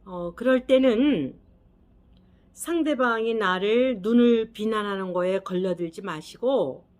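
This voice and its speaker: A woman lecturer explains how to respond to criticism at a slow, unhurried pace. Her voice sits at an ordinary middle pitch. She pauses on hesitation fillers and acts out short example dialogues as she teaches. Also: darkish tone. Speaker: counseling lecturer. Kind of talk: instructional talk on handling criticism.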